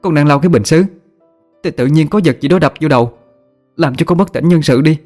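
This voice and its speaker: A man's voice: fairly high pitch, a little fast, a little mellow, soft background music, pitched above the performer's own voice, close to an everyday voice. A man voicing a frightened young female servant who begs and stammers in a storytelling reading. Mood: pleading desperate. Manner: tearful begging, stammering.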